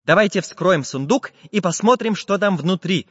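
A man's voice: sits high, lively intonation, normal speed, breathy edge, voice pushed up. A man doing a firm little iron handyman. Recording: dull lo-fi with long reverb.

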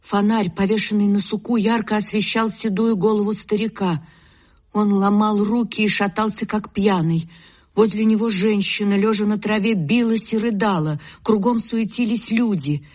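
A woman narrating a classic story in a steady, measured reading. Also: medium pitch. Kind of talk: literary audiobook narration.

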